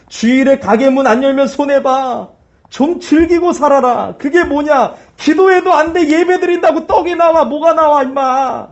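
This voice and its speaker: A pastor voicing a mocking male devil who taunts with drawn-out, jeering questions. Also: extremely high pitch, dull audio, voice pushed up.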